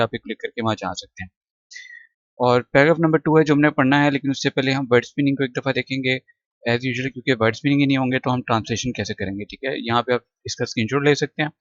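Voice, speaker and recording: A man teaching an English lesson, explaining words and repeating them slowly for pronunciation. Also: medium pitch, no room sound, highs cut off. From Pakistan. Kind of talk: recorded classroom lesson.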